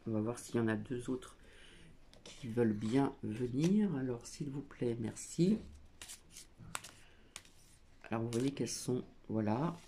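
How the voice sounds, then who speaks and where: A woman's voice: very deep voice, slow pace, pauses often, mellow, a little hiss or hum. A woman doing a casual spiritual card reading at a small table at home, hesitant with many fillers as she reads card texts aloud. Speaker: oracle card reader.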